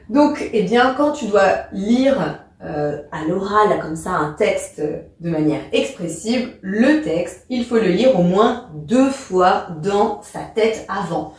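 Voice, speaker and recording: A woman's voice: medium pitch, a little mellow, far from the mic. A woman teacher giving a lesson, patient and step-by-step. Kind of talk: explanatory lesson. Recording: very echoey room.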